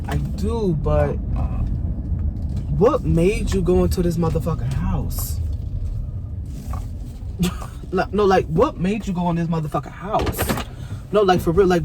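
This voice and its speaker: Fired-up, high-voiced young man ranting. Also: noisy background. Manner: profane, animated, talks straight to the show's characters. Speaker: vlogger reacting to a TV show. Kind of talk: casual reaction rant.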